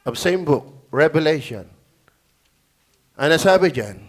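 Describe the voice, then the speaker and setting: A male pastor preaching at a prayer meeting, swinging from quiet, drawn-out scripture reading to loud shouted exhortations and repeated calls of "Amen?" to the church. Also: a little high, expressive. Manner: mixes scripture read slowly in English.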